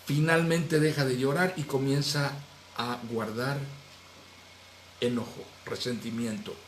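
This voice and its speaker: A male pastor teaching a Bible study in earnest, raising his voice on some phrases and dropping low and soft at the ends of others. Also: unhurried. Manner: earnest, swings between raised animated phrases and low soft trailing endings. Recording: echoey room, faint background noise.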